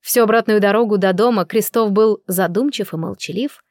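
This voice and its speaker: A woman's voice: medium pitch, moderate pace, darkish tone, dry recording. Woman narrating a novel, dry close sound. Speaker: audiobook narrator. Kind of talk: first-person novel narration.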